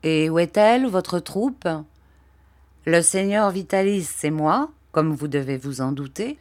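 A woman reading aloud plays a wily old traveling showman who bargains with calm cunning. His tone is dry and quietly mocking, unhurried and sure of himself. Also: lowish voice. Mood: sly. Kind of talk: storybook reading.

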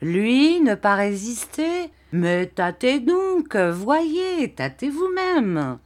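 A woman's voice: fairly high pitch, sing-song, drawn-out words, pitched above the performer's own voice, exaggerated voice. A woman voicing a greedy peasant man who haggles insistently, in a storybook reading. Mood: pushy.

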